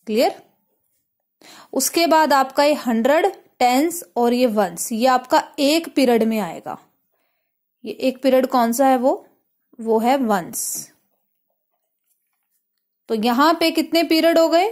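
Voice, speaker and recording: A woman with an Indian accent explains a math lesson in a high voice. She goes step by step and keeps checking if her students follow. English terms run through her talk. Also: expressive, takes it slowly, long pauses, darkish tone. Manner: explains step by step, asks "clear?" often; mixes English terms into Hindi. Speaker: teacher.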